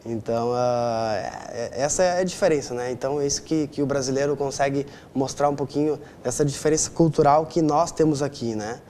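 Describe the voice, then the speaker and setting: This man in his twenties, from Rio Grande do Sul, talks briskly with hardly any pauses in a warm, mid-range voice. He has a southern Brazilian accent and answers like a conversational interview guest, frequently using tag questions to check for agreement, with slight background noise present.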